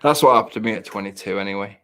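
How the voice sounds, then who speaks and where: A man's voice: lowish voice, racing, bright, forceful tone. Rambling man in his thirties. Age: 30s. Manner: rambling, self-mocking, restarts often. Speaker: podcast host. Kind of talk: casual chat.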